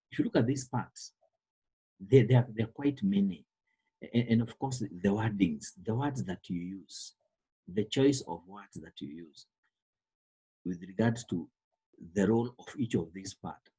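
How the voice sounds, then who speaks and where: A man's voice: lowish voice, a little mellow, slightly rough, rough recording. A man with a Kenyan accent teaching a biology lesson to an online class, repeating words and stressing key terms. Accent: Kenyan English. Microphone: computer microphone on a call.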